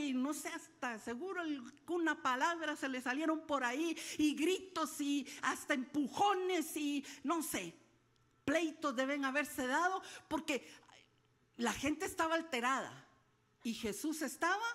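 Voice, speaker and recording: A woman pastor preaching a lively sermon, acting out the people in her story and building to loud questions. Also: high-pitched. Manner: animated preaching, acting out dialogue and rising to shouted questions.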